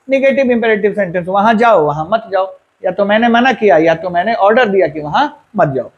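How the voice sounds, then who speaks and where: A man with a high-pitched voice teaches a grammar lesson. He works through each point step by step, putting questions to the class and answering them himself. He slows right down to repeat the example sentences. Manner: asks and answers his own questions. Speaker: English teacher.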